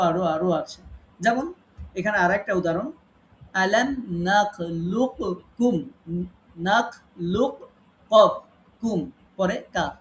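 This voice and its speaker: A man teaching an online tajweed class, patiently explaining rules and slowly reciting Arabic examples. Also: sits high, a little hiss or hum. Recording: echoey room with faint ambience.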